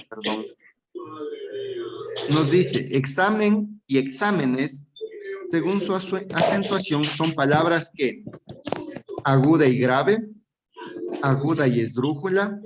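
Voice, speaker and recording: A man's voice: on the high side, background noise. Methodical Ecuadorian man teaching class. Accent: Ecuadorian Spanish. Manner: methodical, asks rhetorical check questions. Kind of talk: exam-prep class.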